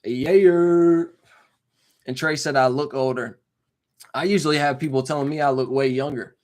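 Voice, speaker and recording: A man's voice: fairly high pitch, fairly even intonation, normal speed, darkish tone. A man in his twenties chatting casually on a live stream, rambling with lots of slang, fillers and "you know what I'm saying.". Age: 20s.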